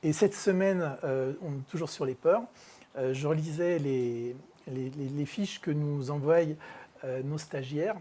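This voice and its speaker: Husky, mellow-voiced workshop speaker telling a story. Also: medium pitch. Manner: storytelling, acts out dialogue with a child; relaxed, many fillers and pauses. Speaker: EFT practitioner and trainer. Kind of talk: workshop talk with an anecdote.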